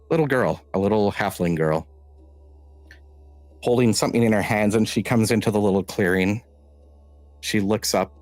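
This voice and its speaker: A man narrating a tabletop game as game master, halting and restarting as he describes scenes. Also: deep voice, no room sound.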